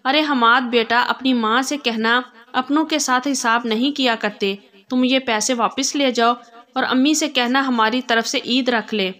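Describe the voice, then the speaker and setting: A woman voicing a kind middle-aged aunt who speaks warmly and motherly. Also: on the high side, steady tone, lightly acted. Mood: affectionate. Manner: warm and motherly.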